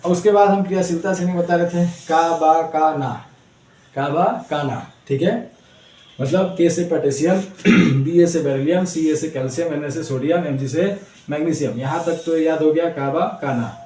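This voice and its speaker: A man's voice: fairly high pitch, normal speed, mellow. A man teaching a school chemistry class in with a tinge. He repeats key points with "ठीक है" and drills students with rhyming memory chants. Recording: echoey room, mic far off, faint background noise.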